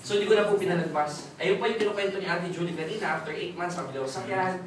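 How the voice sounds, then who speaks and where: A young man in his twenties tells his story to a seminar crowd, joking and checking in with them constantly. His voice sits high and he talks fast. The recording is distant, heavily echoing and noisy. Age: 20s. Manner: jokey storytelling, keeps asking the crowd "right?". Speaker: testimonial speaker at a business seminar. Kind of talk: lively motivational testimony to an audience. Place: large echoey seminar hall with audience. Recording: very echoey hall, far off, noisy.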